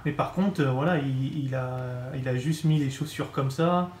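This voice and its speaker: A man co-hosting a toy review in casual chat, explaining things in a halting way. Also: mid-range voice, a little mellow, a little hiss or hum. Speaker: co-host presenting toy figures. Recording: echoey room, music behind.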